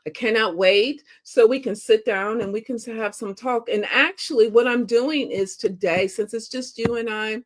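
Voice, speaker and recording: A woman's voice: on the high side, normal speed, few pauses. A woman hosting a show, chatting casually and playfully with her viewers, her voice scratchy as she gets over a cold. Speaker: show host. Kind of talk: casual livestream chat to viewers.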